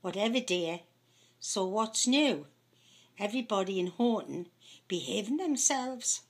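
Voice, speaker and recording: An amateur script reader with a Houghton-le-Spring pitmatic accent from North East England reads through dramatic play dialogue. Her medium-pitched voice has a breathy edge and lively intonation, and she takes her time.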